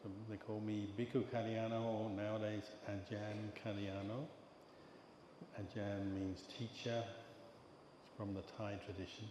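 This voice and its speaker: Older English monk teacher, calm measured talk, low flat voice. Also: male voice. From England. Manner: calm, measured storytelling with pauses. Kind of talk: dharma talk. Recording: echoey hall with long reverb and background noise.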